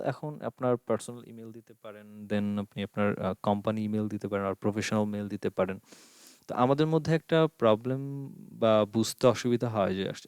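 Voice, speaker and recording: A man's voice: lowish voice, a little mellow, smooth, dry recording, clean studio sound. A man teaching an online course, explaining screen steps one by one and asking himself questions as he goes. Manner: explains step by step with rhetorical questions, mixing in English. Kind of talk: screen-share tutorial.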